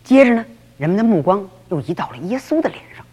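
A woman telling a story in the traditional oral manner, lively and full of exclamations. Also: mid-range voice, fast talker, breathy edge. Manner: lively, exclamatory, many interjections. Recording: long reverb.

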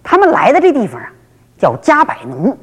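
Lively woman storyteller in long reverb. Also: sits high, a little fast, breathy edge, dull audio. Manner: lively, exclamatory, many interjections. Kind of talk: traditional oral storytelling.

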